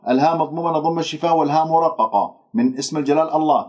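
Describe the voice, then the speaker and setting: A man teaching Quran recitation. He stretches out demonstration words slowly, then explains briskly. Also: a little high, darkish tone. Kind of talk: pronunciation lesson. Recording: dull lo-fi recording.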